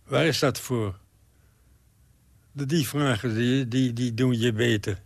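A man in his nineties giving an interview, halting and repeating words as he searches for them. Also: mid-range voice, steady tone, no room sound. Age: 90s.

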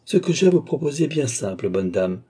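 A man voicing a courteous, proud young gentleman who speaks earnestly in a storybook reading. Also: medium pitch, very animated, fairly quick, husky, voice pushed up.

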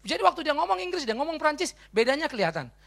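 A male pastor with a Batak accent, preaching a sermon in a lively, conversational storytelling way and acting out bits of dialogue. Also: extremely high pitch, quick pace, creaky. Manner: animated storytelling, conversational asides; acts out dialogue in his story.

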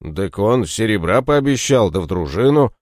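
A man's voice: lowish voice, lively intonation, normal speed, dry recording, studio quality, lightly acted. A man voicing a hard, menacing young male warrior who speaks bluntly and threatens in an audiobook story. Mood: grim.

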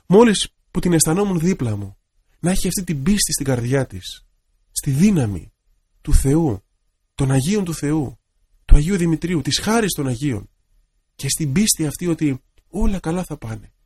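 A man, an Orthodox priest, giving a radio sermon in a gentle, reflective storytelling manner. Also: a little high, very animated, slightly rough.

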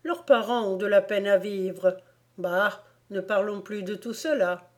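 A woman voicing a gruff but kind old village woman in a storybook reading, with a scolding, exclaiming manner. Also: medium pitch, steady tone, unhurried, natural voice. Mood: relenting.

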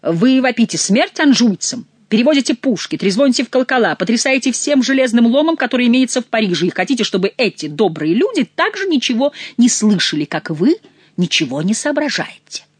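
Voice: mid-range voice, big pitch swings, normal speed, dry recording, pitched above the performer's own voice. A reader voicing a sardonic male court jester who scolds the king's men in an audiobook. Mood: mocking. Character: mocking male royal jester. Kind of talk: audiobook character voice.

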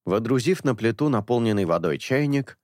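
A man narrating an audiobook in a measured, expressive storytelling manner. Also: mid-range voice, no room sound, studio quality.

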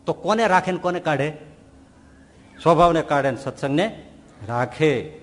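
A man with a high voice delivers a sermon, throwing out rhetorical questions and acting out small scenes. His voice rings out with a long hall reverb. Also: normal speed. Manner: animated, rhetorical questions, acts out quoted voices. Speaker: swami giving a religious discourse. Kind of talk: sermon storytelling.

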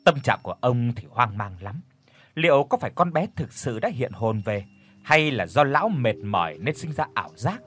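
A man narrates a horror story for an audiobook, telling it dramatically with tense pauses. His pitch moves in lively swings, and faint background music runs under his voice. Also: breathy edge.

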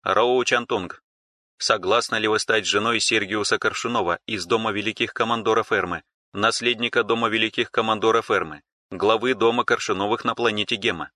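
A sarcastic, dry ship AI from an audiobook, delivering formal pronouncements in a bright, forceful tone, as a man acts her out. Its voice sits fairly low, and every line keeps a bureaucratic, deadpan edge. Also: brisk. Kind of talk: audiobook character reading.

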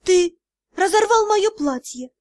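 A woman's voice: very high-pitched, expressive, moderate pace, darkish tone. A woman reading an audiobook, voicing the frightened young heroine, tense and pleading. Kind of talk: audiobook character voice.

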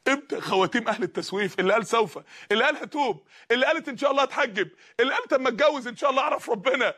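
A man with an Egyptian accent preaching an emotional sermon, rising to shouts and dropping to hushed pleas. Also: extremely high pitch, animated, racing. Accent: Egyptian Arabic. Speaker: Islamic preacher.

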